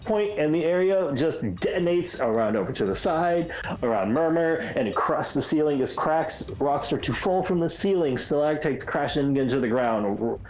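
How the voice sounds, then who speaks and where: Guy running a tabletop game, voice jumps all over, kinda roomy voice chat, music low underneath. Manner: animated, quick bursts of narration. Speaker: game master.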